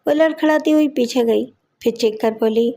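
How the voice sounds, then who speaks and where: A woman narrates a crime story in a steady, even storytelling manner. Her voice is mellow and soft, sitting slightly above the middle of the range. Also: a little high. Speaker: voice-over narrator.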